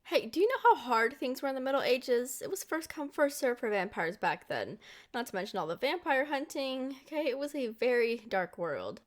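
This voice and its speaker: She speaks in a high voice at a moderate pace, playing the young-looking but centuries-old vampire girlfriend in an ASMR roleplay. Her tone is playful and explanatory, and she addresses the listener with sweet, expressive affection.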